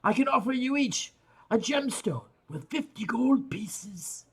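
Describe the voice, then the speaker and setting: A raspy, stocky dwarf traveller acted out by a tabletop game master makes an earnest plea in formal, old-fashioned phrases. The voice is raised and moves up and down a lot at an unhurried pace. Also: mid-range voice, lively intonation, pitched above the performer's own voice. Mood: earnest pleading.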